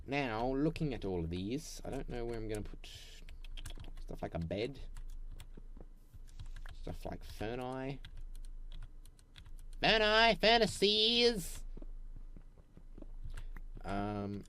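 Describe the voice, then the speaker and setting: A man's voice: on the low side, a little mellow, slight background noise. Playful man chatting to himself while gaming. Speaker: gaming channel host. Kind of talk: Minecraft let's play commentary.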